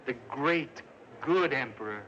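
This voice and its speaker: A meek, kindly man coaxes and soothes in a polite, lilting voice that rises and falls freely. The sound is muffled, with steady hiss from an old film print. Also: mid-range voice, unhurried. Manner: soft-spoken, coaxing, polite. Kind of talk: 1950s film acting.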